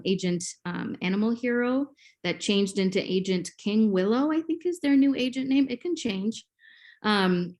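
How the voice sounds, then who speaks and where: A mid-range, darkish voice belongs to a woman in her forties from Kenya whose native tongue is Swahili. As a podcast guest, she explains in a teacherly way and fills her speech with ums.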